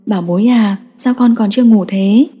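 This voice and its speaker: A woman voicing a loving, patient grandmother who coaxes gently in a soft voice. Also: medium pitch, normal speed, slightly rough, natural voice. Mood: coaxing. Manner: soft, coaxing. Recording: long reverb.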